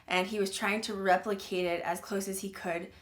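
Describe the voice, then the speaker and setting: A woman with a mid-range, steady voice speaking at a moderate pace retells a dark case to viewers of her paranormal podcast. Her casual talk rambles and overflows with "like" and "um," and she often clears her throat, saying her voice is going. She seems uneasy and sorry about the grim topic.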